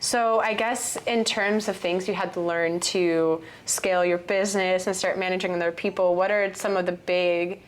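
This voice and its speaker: A woman hosting a casual interview show. Her voice sits a little low, and she keeps things moving with questions and quick, encouraging acknowledgments. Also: fairly even intonation. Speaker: podcast host.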